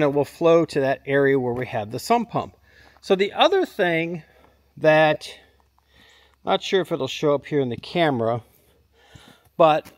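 His voice running on the high side, a fiftysomething vlog host casually walks through his home build in plain terms. He's outdoors at the concrete foundation construction site, recording on a handheld camera at arm's length.

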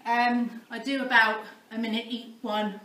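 Woman, out of breath, self-deprecating, bright voice, slow, recorded from afar. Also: a little high, level tone, reverberant, far from the mic, low-quality recording. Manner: self-deprecating, many ums. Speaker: vlogger documenting a fitness start. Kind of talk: casual self-filmed vlog. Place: barn, indoors.

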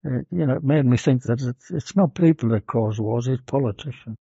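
An older man who served on wartime patrol aircraft, recalling it hesitantly in a gentle interview manner. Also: mid-range voice, brisk, vocal fry, breathy edge, dry recording, dull audio. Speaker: wartime flying boat crewman recalling service. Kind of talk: reminiscing interview.

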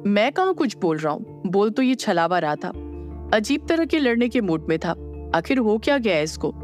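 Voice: medium pitch, big pitch swings, moderate pace, soft background music, close to an everyday voice. Easygoing young man, confused and plaintive, read by the narrator in an audio drama. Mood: puzzled. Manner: bewildered, plaintive.

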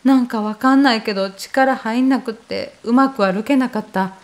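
A woman with a high, light voice reads a first-person ghost story. She keeps it conversational and relaxed, as if she were telling it to a friend. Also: normal speed.

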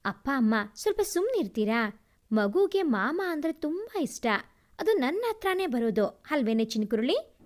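A woman's voice: high voice, moderate pace. A woman voicing a playful, teasing young brother in a storybook reading. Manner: teasing, lively.

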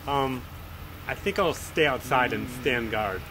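An actor playing a hesitant, stammering nerdy teenager in a comedy sketch. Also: male voice, mid-range voice, measured pace, noisy background, natural voice. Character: nerdy teen boy with glasses, hesitant.

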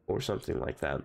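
A gaming streamer gives let's-play commentary on a horror game, chatting and joking and reacting jumpily to the scares. His voice is mid-range and a bit bright.

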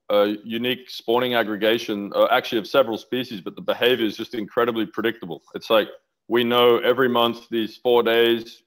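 This is a middle-aged man with a lowish voice, heard in a low-quality recording. As a guest aquaculture researcher in a casual video-call interview, he speaks through a headset from his home office, rambling eagerly about his research and restarting his thoughts.

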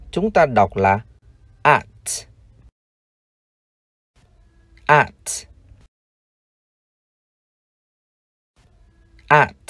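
A Vietnamese man teaching English, who reads each word slowly and repeats it for learners to copy. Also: medium pitch, dry recording, studio quality. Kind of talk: vocabulary lesson, slow model pronunciations.

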